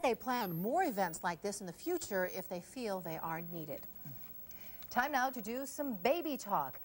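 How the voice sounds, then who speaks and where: Give me an animated female TV news reporter with a faint hiss behind. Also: mid-range voice, a little slow. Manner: lively, clear broadcast delivery.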